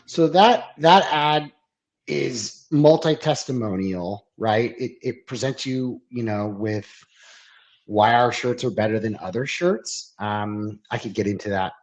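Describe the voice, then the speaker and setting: A man's voice: mid-range voice, a little slow. Chatty man on a video call. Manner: chatty, with many fillers and repeated words. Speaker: creative strategy manager, guest. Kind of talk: casual webinar conversation. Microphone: video call microphone.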